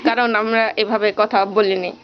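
Showing viewers her at-home picnic cooking, this chatty woman vlogger speaks casually in her regional Pabna Bengali dialect and talks to the audience directly. Her fairly high voice stays fairly even at a moderate pace, with the highs cut off and slight background noise.

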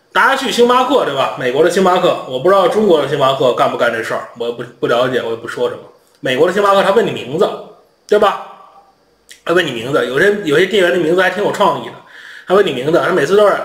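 A male host, from China, telling funny anecdotes in a casual, animated vlog style. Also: fairly high pitch, reverberant. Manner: chatty, animated, humorous anecdotes. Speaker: international education channel host.

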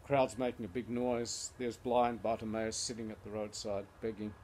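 A man reading scripture aloud and then preaching and praying in an earnest, gentle, pastoral way. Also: on the low side, level tone, normal speed, slight background noise. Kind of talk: devotional Bible reading and prayer.

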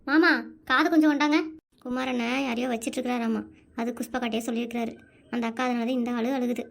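A woman voicing a village gossip in a cartoon, talking in a hushed, secretive way. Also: a little high, fairly even intonation, quick pace, vocal fry. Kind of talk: cartoon voice acting.

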